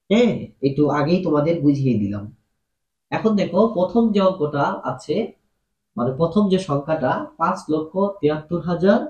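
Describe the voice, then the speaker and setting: A man's voice: a little high, a little mellow. Patient male math tutor, echoey room. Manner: patient, repeats and asks questions to students. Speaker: math teacher. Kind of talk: classroom-style math lesson.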